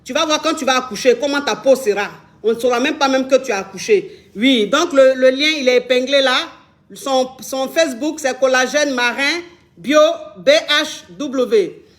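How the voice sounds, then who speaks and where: Very high-voiced chatty woman streaming. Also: brisk. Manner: chatty, repeats herself, addresses viewers affectionately. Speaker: live-stream host taking calls. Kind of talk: casual live-stream chat and product promotion. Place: Dubai.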